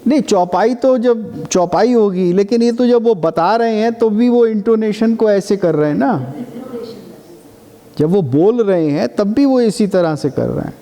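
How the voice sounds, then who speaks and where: A man's voice: sits high, expressive, a little slow, dark tone. A man giving a classroom lecture, explaining patiently and breaking now and then into chanted demonstrations. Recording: reverberant lecture hall.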